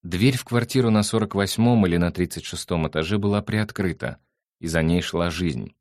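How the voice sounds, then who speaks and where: A man narrating a novel in a measured, even storytelling manner. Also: sits low, no echo, studio quality. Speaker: audiobook narrator. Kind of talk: scripted narration.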